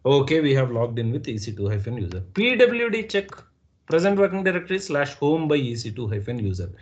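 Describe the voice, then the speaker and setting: A man's voice: mid-range voice, big pitch swings, brisk, lo-fi sound. A man with an Indian English accent teaching a live online class, patiently repeating points and checking that students understand. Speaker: instructor.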